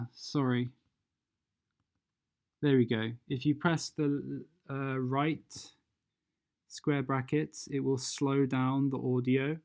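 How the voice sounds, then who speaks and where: This tutorial is unscripted: the presenter demonstrates software slowly, thinking aloud and hesitating while figuring out each step. The voice is soft and mellow, with fairly little pitch movement.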